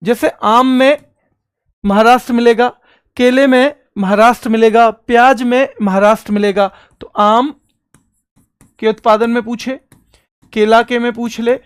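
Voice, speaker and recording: A man's voice: extremely high pitch, fairly even intonation, a little slow, long pauses, clean tone, no echo. A male teacher runs an online exam-prep lesson, quizzing his students and affectionately calling them son and brother. He drills each answer by repeating it several times. The recording is dry and close, with no room sound. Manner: repetitive drilling, answers his own questions.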